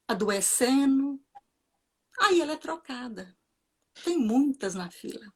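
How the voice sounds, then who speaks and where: A woman with a fairly high voice and a Brazilian Portuguese accent gives a reflective talk at a commemoration. She speaks earnestly and circles back to key phrases, repeating them for emphasis.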